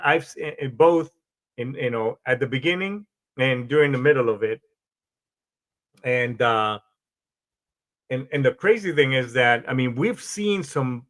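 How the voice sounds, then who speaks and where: A man's voice: medium pitch, fairly bright tone. A man from Colombia, a Marine veteran, hosting a podcast in a rambling, casual monologue with frequent restarts and swearing.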